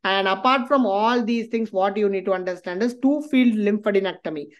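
Female medical lecturer, South Indian Tamil accent. Mid-pitched, emphatic, repeats key points for exam revision. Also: brisk. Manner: repetitive, emphatic, checks in with listeners.

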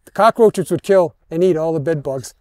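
An older American man working as a tour guide gives an informal history talk outdoors in an open parking lot, using a headset mic with no echo. His voice is higher-pitched and relaxed, and he tells his stories haltingly.

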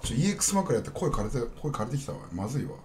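A man streams live in a loose, rambling chat, speaking bluntly and turning often to address his viewers. His pitch swings widely, rising and dropping from line to line. His voice sits at an ordinary middle pitch for a man. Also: big pitch swings, rapid-fire, a little mellow, a little hiss or hum.

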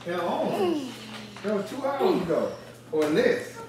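A woman's voice: medium pitch, big pitch swings, slow pace, over music. A woman in casual home chat, chiding bluntly and firing off repeated questions like a caregiver scolding children. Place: indoor home kitchen, away from the microphone. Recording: echoey, distant, faint room noise.

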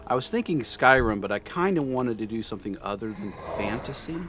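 Man, lowish voice, rambling gamer-stream chatter, loud game music underneath. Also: animated, fairly quick. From United States. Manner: rambling, chatty, many fillers and restarts. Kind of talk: casual live-stream chat while gaming.

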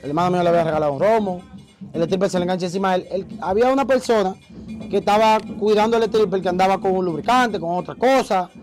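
A man, an interview guest telling a story in a casual, animated way and acting out the voices he quotes. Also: high voice, fast talker, faint music behind, rough recording.

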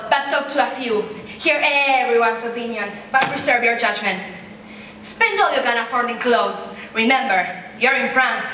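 Lady acting a scolding drama-queen mom in a comedy play, sharp high voice, super echoey stage. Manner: bossy, theatrical, emphatic repetition. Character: overbearing, scolding, dramatic mother of grown children. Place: theater stage, indoors. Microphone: far camera. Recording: very echoey theater stage, distant mic, faint noise.

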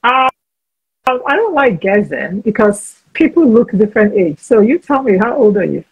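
A woman's voice: on the high side, big pitch swings, normal speed, husky, highs cut off. A woman in her forties hosting a casual video-call interview, frank and chatty, often restarting her sentences. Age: 40s. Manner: chatty, frank, talks over herself with restarts. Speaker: host.

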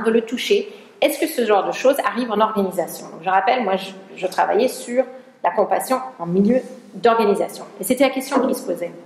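A woman's voice: medium pitch, darkish tone. A woman researcher giving a conference talk in a lecture hall. She often searches for words and restarts her sentences. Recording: roomy hall sound.

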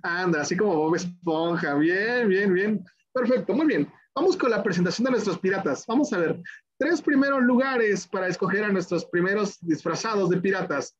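A man, a teacher trainer hosting a children's event over a video call, talking in an animated, coaxing way and repeating himself. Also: sits high, moderate pace, dull audio. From Mexico. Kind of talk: lively online workshop hosting.

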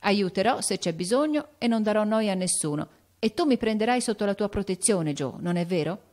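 A woman voicing a shy, gentle teenage girl in an audiobook, timid and soft-spoken. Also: medium pitch, expressive, brisk, pitched above the performer's own voice, lightly acted. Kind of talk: audiobook character voice.

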